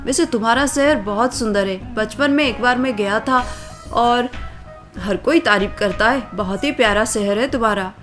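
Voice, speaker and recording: A woman voicing a kind, gentle young village man who speaks patiently and soothingly, over faint music. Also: fairly high pitch, normal speed, natural voice.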